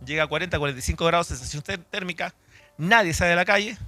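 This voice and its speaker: A man's voice: on the high side, rapid-fire, bright, forceful tone, no room sound. A man in his forties from Chile, raised in Argentina, gives a conversational doctrinal teaching at church and restarts and corrects himself as he talks. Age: 40s. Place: church hall.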